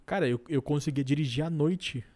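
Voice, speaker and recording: A man's voice: a little high, fairly quick, a little mellow. A young man with a Brazilian Portuguese accent, co-hosting a podcast in casual, slangy, crude and joking banter full of swearing. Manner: crude, joking, profanity-laden. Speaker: podcast co-host.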